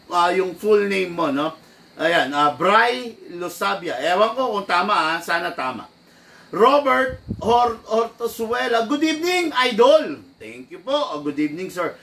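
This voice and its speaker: A man casually hosting a live stream from an airsoft shop, chatty and quick to laugh as he greets viewers. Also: sits high, gravelly, bright, forceful tone. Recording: distant mic, faint background noise.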